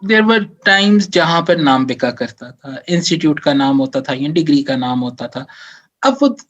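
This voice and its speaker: A man's voice: on the high side, a little slow, dull audio. A man giving career advice in a live question-and-answer workshop. He explains step by step, mixes English phrases into his speech and often checks in with "theek hai". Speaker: career advisor.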